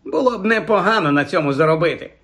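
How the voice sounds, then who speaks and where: Guy reading a cheeky teen boy, eager, bit high. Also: lively intonation, quick pace, vocal fry, fairly bright tone, heavily acted. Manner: eager, flippant. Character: cheeky teenage boy, money-minded.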